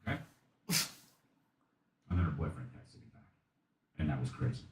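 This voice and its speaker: A man in his thirties telling a comic story in casual, animated and profane style, often acting out voices. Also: very deep voice, normal speed. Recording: echoey room, distant mic, faint noise.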